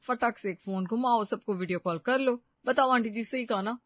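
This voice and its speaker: A chatty young woman friend from an animated story, voiced by a woman, lively and teasing. Her voice sounds slightly distant and dull, as if from a lo-fi recording. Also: fairly high pitch, moderate pace, no room sound, voice pushed up, lightly acted.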